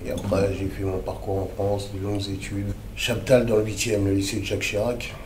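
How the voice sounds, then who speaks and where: A man's voice: lowish voice, flat delivery, fairly quick, a little mellow, roomy sound, slight background noise. A man from the Democratic Republic of the Congo, in his thirties, speaking as an activist interview guest in a casual, emphatic, slangy way.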